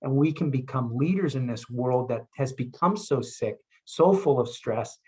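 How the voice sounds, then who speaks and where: A man, a chiropractor, giving a motivational health talk with energetic, repetitive urging. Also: mid-range voice, moderate pace, slightly rough.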